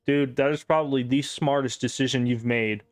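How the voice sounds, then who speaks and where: A man's voice: mid-range voice, fairly even intonation, moderate pace. Profane sarcastic gamer man. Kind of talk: casual gameplay commentary.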